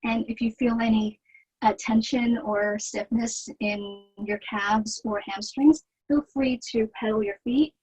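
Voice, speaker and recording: A woman teaching yoga, guiding the poses in a soothing, gentle manner with a slightly husky, breathy voice. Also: fairly high pitch, steady tone, measured pace, poor audio. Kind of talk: guided yoga instruction.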